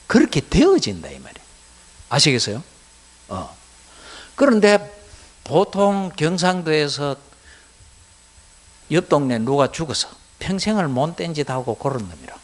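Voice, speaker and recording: A middle-aged man with a Gyeongsang accent giving a Buddhist lecture to lay students, keeping it animated by asking the class rhetorical questions. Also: high-pitched. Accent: Gyeongsang Korean.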